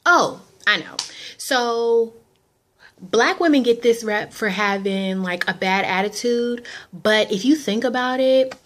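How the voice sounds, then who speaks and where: A woman's voice: on the high side, takes it slowly. Sassy young woman ranting casually. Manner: sassy, animated storytelling with acted-out quotes. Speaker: vlogger. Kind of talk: casual chat rant.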